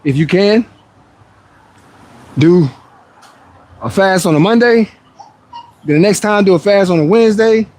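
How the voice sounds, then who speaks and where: A man's voice: high-pitched, a little slow, long pauses, darkish tone. A man in his forties chatting casually on a fitness livestream, answering viewer questions between sets in a laid-back, rambling way. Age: 40s.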